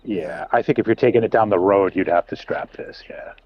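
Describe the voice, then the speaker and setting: Casual male streamer, deep voice, laid-back chat, muffled lo-fi mic. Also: fairly quick. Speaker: streamer host. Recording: dull lo-fi mic.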